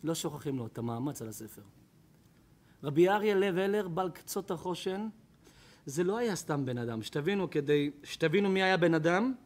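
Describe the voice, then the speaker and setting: A man's voice: on the high side, expressive, darkish tone. A man, a rabbi, giving a Torah lecture to an audience, telling stories emphatically and addressing listeners by name.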